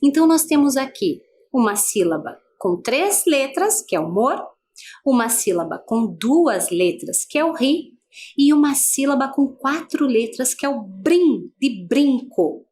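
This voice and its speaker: A woman's voice: high-pitched, big pitch swings, measured pace, a little mellow. A female teacher with a Brazilian Portuguese accent, giving an adult-education video lesson, patient and asking many guiding questions.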